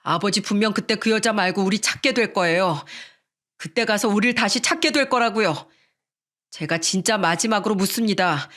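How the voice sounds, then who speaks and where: A woman reading a grown son standing up to his father, firm and measured. Reproachful and unhurried, an everyday middle pitch in a storybook radio drama. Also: a bit bright, lightly acted.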